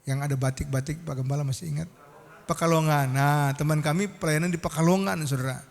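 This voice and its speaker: A man with a high, bright-edged voice preaches a storytelling sermon from the pulpit, turning again and again to the congregation to draw a response. His voice rings through a church hall with a long, trailing reverb. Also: steady tone, a little fast, creaky. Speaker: pastor. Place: church sanctuary.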